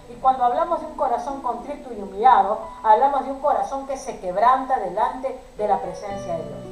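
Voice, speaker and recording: A woman's voice: fairly high pitch, reverberant, low-quality recording. A woman preaching a sermon to a women's group, pleading and emotional, addressing her listeners as sisters.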